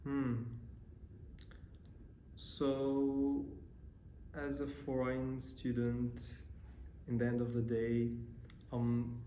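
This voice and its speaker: A young man from Syria, a student, answering interview questions in a relaxed, hesitant way with many pauses and fillers. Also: medium pitch, a little hiss or hum. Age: young adult. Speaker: interview guest, university student. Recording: roomy echo, faint ambience.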